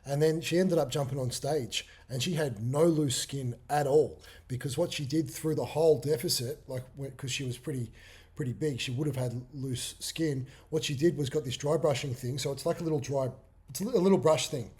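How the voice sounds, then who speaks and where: A man's voice: mid-range voice, brisk, a little mellow, slightly rough. A man, a fitness coach explaining things informally in a casual chat.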